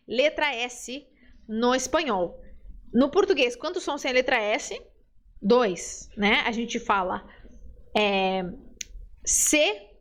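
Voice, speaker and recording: A woman from Brazil with a bright, high-pitched voice teaching an online Spanish lesson. She talks in a chatty, lively way and stretches out each word she models for learners to repeat.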